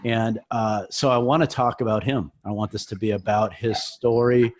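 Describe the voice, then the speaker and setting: Man, low voice, upbeat, encouraging interviewer. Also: fairly even intonation, moderate pace. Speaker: mentor and interviewer. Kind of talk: enthusiastic interview.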